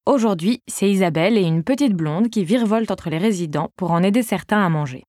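A woman's voice: mid-range voice, expressive, fairly quick, a little mellow, no echo, clean studio sound. A woman narrating a novel in the first person with a wry tone. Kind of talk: audiobook narration.

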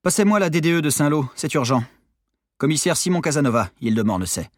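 A man's voice: a little high, animated, fast, dry recording, studio quality. A man voicing an impatient, insistent male police commissioner in an audiobook reading. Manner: insistent, commanding.

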